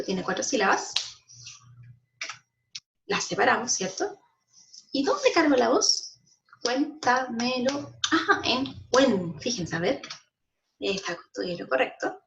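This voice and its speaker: A woman teacher with a Chilean Spanish accent explaining a school lesson to children, slowly stressing syllables and often checking in with them. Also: on the high side, vocal fry, fairly bright tone, distant mic, slight background noise. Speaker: primary school language teacher. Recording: muffled sound, voice a bit off-mic.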